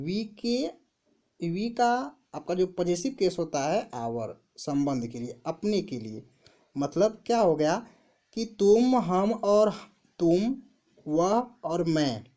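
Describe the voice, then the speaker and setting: A woman teaches grammar at a slow pace, posing questions and then answering them herself, repeating those answers. She stresses key words and reads example sentences very slowly, in a low and slightly mellow voice.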